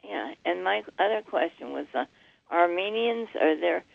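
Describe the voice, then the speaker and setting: A man's voice: high voice, animated, moderate pace, creaky, no echo. A man calling in to a radio show over a phone line, asking questions hesitantly. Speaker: radio call-in caller.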